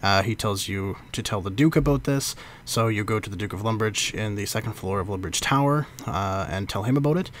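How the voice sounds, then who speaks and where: A man's voice: fairly low pitch, a little fast, few pauses, slight background noise. A man hosting a casual game walkthrough, talking loosely with many fillers and stumbling over names. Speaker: game guide host.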